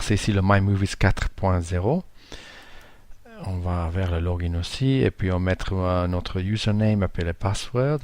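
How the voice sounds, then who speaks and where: A man speaking French as a non-native with a foreign accent, giving an informal screen-share tutorial, halting and searching for words. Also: low voice, a little mellow, dry recording. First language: not French. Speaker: tutorial presenter.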